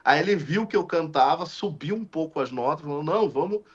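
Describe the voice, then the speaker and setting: Slightly rough and fairly high, this man's voice moves a bit fast as he, a Portuguese-speaking deacon on a podcast, narrates a story casually. He acts out quoted lines with lively energy and frequent restarts, over somewhat muffled lo-fi sound.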